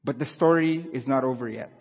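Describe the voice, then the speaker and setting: A man's voice: mid-range voice, fairly quick. A man, preaching a conversational sermon and asking his congregation questions. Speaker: pastor. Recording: dull lo-fi sound with long hall reverb.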